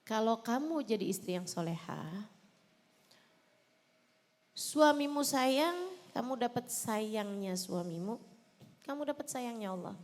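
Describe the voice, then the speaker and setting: High-voiced woman preaching in a hall. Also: lively intonation, measured pace, pauses often. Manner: impassioned, addressing wives directly, swinging between loud emphasis and soft pleading. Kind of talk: sermon. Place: large hall at a religious celebration.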